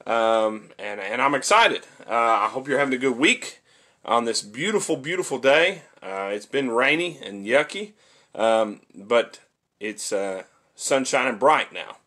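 A man's voice: mid-range voice, lively intonation, measured pace. Chatty pastor man, informal online sermon. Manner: conversational, many fillers and restarts; warm and encouraging toward listeners.

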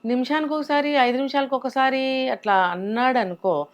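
A woman, a guest in a studio interview, explaining in a conversational way with pauses and self-corrections. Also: high-pitched. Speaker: guest expert.

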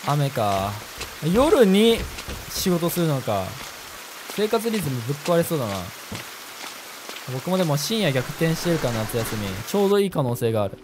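A man's voice: fairly high pitch, sing-song, moderate pace, background noise. Jumpy young man playing a horror game. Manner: chatty, jumpy, reactive. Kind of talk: casual game commentary. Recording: game music playing behind.

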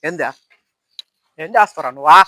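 A man filming a prank vlog on a phone at home, loudly and insistently calling out to his friend and teasing him. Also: fairly high pitch, moderate pace, a little hiss or hum, rough recording. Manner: loud, insistent, repeats calls and commands. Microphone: phone camera.

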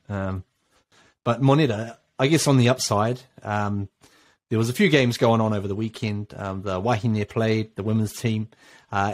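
A man hosting a casual sports podcast, leading the talk with easygoing, filler-heavy questions. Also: lowish voice. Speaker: podcast host.

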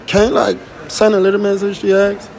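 A man's voice: sits high, monotone, brisk, gravelly, darkish tone. A man asking strangers cheeky questions on a city street, laughing and teasing as he goes. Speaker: street interviewer. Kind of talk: casual street interview.

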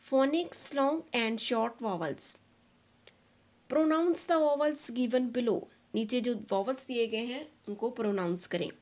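A woman teacher with a Pakistani accent talks through a textbook lesson in a fairly high voice. She reads each English sentence slowly and deliberately, then explains it at a quicker clip. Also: a little mellow.

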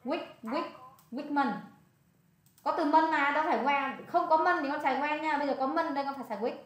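Speaking a little fast in a high voice, a Vietnamese-accented woman coaches a single student in English, gently prompting and going over the answers again. The recording carries the echo of the room.

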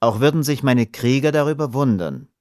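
A male narrator voicing a calm, dignified Native chief who speaks coolly and politely in an audiobook. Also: mid-range voice, dry recording, studio quality, pitched above the performer's own voice, close to an everyday voice. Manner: cool, measured, polite.

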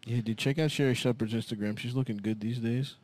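A young man co-hosting a podcast, giggling through crude banter and often swooping up into silly high voices. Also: steady tone, quick pace, a little mellow. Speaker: podcast co-host.

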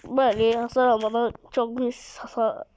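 A woman giving excited live commentary on a mobile game, her voice a little off from being ill, recorded on a phone mic. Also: fairly high pitch, normal speed, slight background noise, low-quality recording. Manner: excitable, urges and scolds the game, drops to mutters. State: slightly ill voice. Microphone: phone mic via screen recorder.

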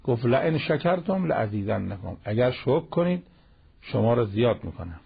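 A man's voice: medium pitch, big pitch swings, creaky, slightly rough. A man giving a Quran commentary lesson, explaining each phrase and repeating key words for emphasis. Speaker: Quran teacher. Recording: dull lo-fi broadcast audio.

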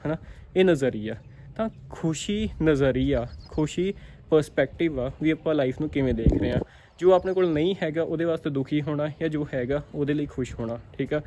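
Fast-talking Punjabi farmer vlogger. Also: male voice, fairly high pitch, dark tone, slight background noise. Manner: repetitive, keeps asking "theek aa". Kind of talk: casual motivational talk to camera.

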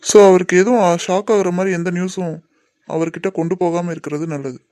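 A man's voice: sits high, brisk, a little mellow, no echo, close to an everyday voice. A man voicing a middle-aged father and a doctor in a cartoon drama, speaking in a reassuring way. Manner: reassuring, mixes English words. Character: middle-aged father, calm, then worried over lost money.

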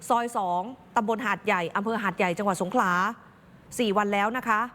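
A woman's voice: mid-range voice, brisk, in a large hall. A woman anchoring the news, commenting expressively and speaking straight to the viewers. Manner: expressive, talks directly to viewers.

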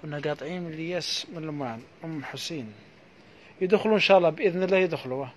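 A man with an Algerian accent giving a live sales pitch for housewares, reeling off prices in a quick patter full of repeated blessings. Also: slight background noise. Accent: Algerian Arabic. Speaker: housewares shop seller.

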